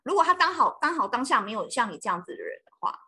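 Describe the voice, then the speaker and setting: High, slightly husky woman. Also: sing-song, fast, sharp tone. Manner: asks curious questions. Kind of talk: casual podcast chat.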